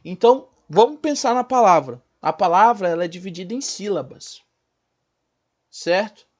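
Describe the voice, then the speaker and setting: A man's voice: high-pitched, animated, lo-fi sound. A man teaching a recorded school lesson, spelling out sounds one by one and asking his students questions as he goes. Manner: explains slowly, spells out sounds and asks the class questions.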